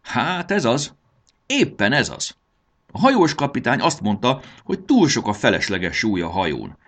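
A man's voice: mid-range voice, huge pitch swings, a bit bright, pitched above the performer's own voice, exaggerated voice. A man reading a storybook aloud and voicing an eager young boy telling a story in an earnest manner.

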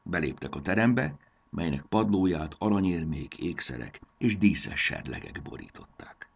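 A man reading a children's adventure story aloud in an expressive way. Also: sits low, creaky, breathy edge.

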